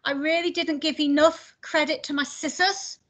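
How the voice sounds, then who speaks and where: A middle-aged woman with a high voice speaks over a video call from her home office. She answers questions after a talk in a loose, hesitant way, often restarting her sentences. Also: steady tone, normal speed. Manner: hesitant, many restarts and fillers. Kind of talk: casual academic Q&A.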